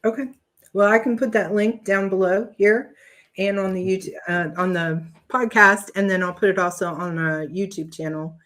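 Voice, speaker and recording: A woman hosting a casual podcast interview, giving brief affirming replies and a relaxed wrap-up. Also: medium pitch, normal speed. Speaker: podcast host.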